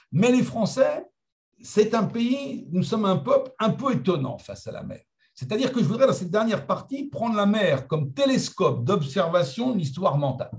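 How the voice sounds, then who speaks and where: A middle-aged man from France giving a lively, conversational lecture to historians, with humorous asides. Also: sits high. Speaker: guest speaker.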